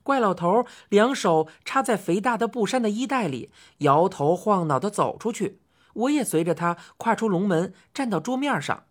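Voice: mid-range voice, animated, normal speed. An audiobook narrator reading a children's story in a plain storytelling manner.

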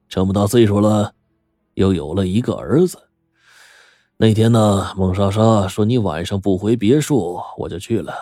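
A male storyteller voicing a sly, grinning middle-aged blackmailer who talks in a smug, mocking, drawn-out way. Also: fairly low pitch, dark tone, dry recording, studio quality.

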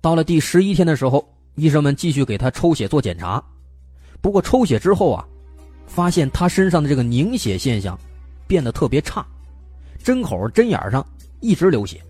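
A man's voice: on the high side, very animated, a little fast, mellow, breathy edge, no echo, faint music behind. A man hosting a mystery story show, telling it in a chatty, suspense-building way with lots of filler particles. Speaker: storyteller host. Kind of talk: casual spoken storytelling of an unsolved mystery.

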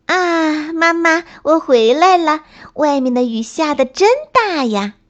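A woman's voice: animated, slow. Woman voicing a cocky little girl bunny. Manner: bouncy, high childish bragging. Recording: slightly dull lo-fi recording.

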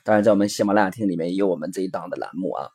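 A man's voice: sits low, very fast, a little mellow, husky. A man hosting a recorded parenting lesson, explaining earnestly with frequent fillers and acting out the dialogue of his examples. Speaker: parenting educator and podcast host.

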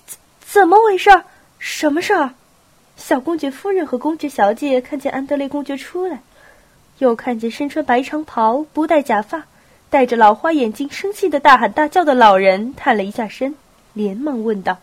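A woman with a cold narrating a novel in a steady storytelling voice. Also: high voice, moderate pace. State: has a cold. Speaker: audiobook narrator. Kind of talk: novel reading.

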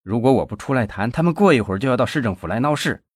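A man's voice: medium pitch, sing-song, gravelly, husky, no room sound, studio quality, pitched above the performer's own voice, heavily acted. A man doing a breathless, panicky nephew. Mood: panicked. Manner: breathless, whining, rushed. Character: panicky young male nephew, shady businessman.

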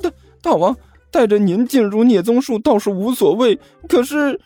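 A man's voice: very high-pitched, lively intonation, moderate pace, warm tone, dry recording, faint music behind, voice pushed up. A man voicing a nervous, deferential male underling who stammers. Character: timid fawning male underling, stammering servant.

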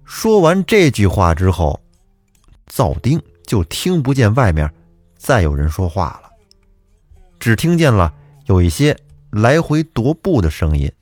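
A man tells an old ghost tale in a chatty, colloquial way. His pitch swings widely as he narrates, and soft guitar music plays beneath. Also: sing-song, a little slow, long pauses, dry recording. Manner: chatty, vivid, with Beijing-style erhua. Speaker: storyteller. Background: faint guitar music.

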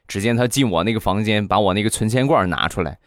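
A man, hosting a podcast and telling comic stories in a chatty, relaxed way. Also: on the low side, quick pace, no room sound, studio quality. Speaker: podcast host. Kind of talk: comic storytelling.

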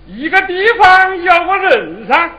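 Performer for an old village mediator in Chu opera, Hubei accent, high bright voice, stern and dryly teasing. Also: big pitch swings, muffled recording, full character voice. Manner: slow stern scolding with dry teasing. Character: older village elder Uncle Ye, stern mediator. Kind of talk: Chu opera stage acting.

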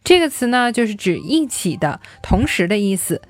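Lively woman teaching children English. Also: mid-range voice, no room sound, studio quality. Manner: slow, drilled repetition of English words.

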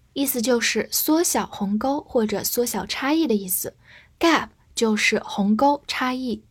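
A woman teaching English vocabulary in a scripted lesson, spelling words out and leading slow read-along drills. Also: fairly high pitch.

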